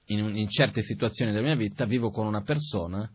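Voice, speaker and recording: A man giving a Buddhist teaching in a calm, conversational way, asking rhetorical questions as he goes. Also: lowish voice, quick pace, husky, no room sound. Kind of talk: spoken dharma teaching. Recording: dull, dry, lo-fi recording.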